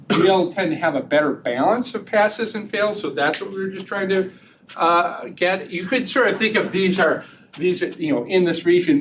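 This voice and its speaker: A man giving an academic research talk and taking audience questions, chatty and relaxed, laughing easily and often restarting sentences. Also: a little high. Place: lecture room. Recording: distant mic with faint room noise.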